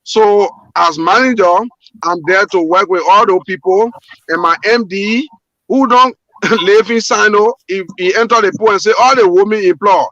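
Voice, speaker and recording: A man's voice: high voice, moderate pace, bright, forceful tone, no room sound, muffled recording. A Liberian man, a port manager guest on a call-in show, speaking earnestly with many repeats and restarts. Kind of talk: call-in radio interview.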